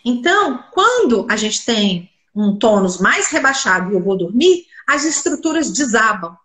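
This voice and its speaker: Congested from a cold, a speech therapist speaks unhurriedly in a fairly bright, slightly high voice with big pitch swings. In this interview she asks herself rhetorical questions and then answers them, recorded in an echoey room.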